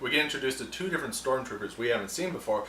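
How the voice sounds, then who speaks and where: A man's voice: medium pitch, expressive, rapid-fire, pushed and bright, soft background music. Sarcastic man ranting in a roomy echo. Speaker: film review show host. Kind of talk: casual opinionated film review. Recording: roomy echo, distant mic, faint ambience.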